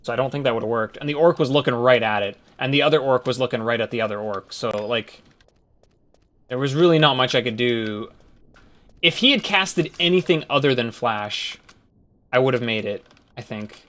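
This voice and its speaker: A young man with a bright, crisp voice talks casually through a video game run, half to himself. His commentary jumps from low muttering to loud yells. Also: normal speed. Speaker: speedrunner. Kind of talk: live gameplay commentary.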